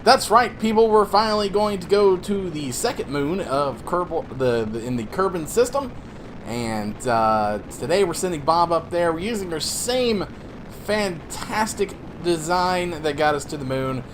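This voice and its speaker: A man's voice: on the high side, expressive, unhurried, background noise. A young man hosting a let's play, explaining the game casually and rambling with lots of fillers and restarts. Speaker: gaming channel host.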